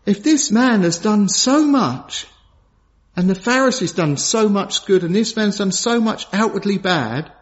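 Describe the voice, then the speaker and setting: A man preaches a sermon earnestly and solemnly, repeating key phrases for emphasis. He swings between raised, urgent questions and low, hushed gravity. The recording has a dull lo-fi sound.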